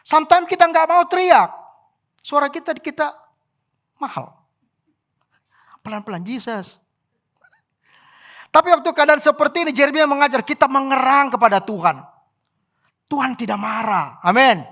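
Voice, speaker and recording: A pastor preaching a sermon at a church service, swinging from soft, quiet remarks to loud exclamations and acting out prayers and cries. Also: sits high, normal speed. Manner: animated, acts out prayers and cries.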